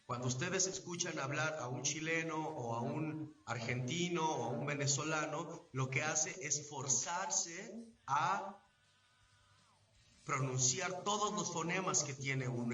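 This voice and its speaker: A male voice actor with a Mexican accent, explaining at length in a measured, teaching way during a live event interview. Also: fairly high pitch, pushed and bright. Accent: Mexican Spanish. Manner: didactic, measured, asks if understood. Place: event venue. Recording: echoey, distant, dull sound.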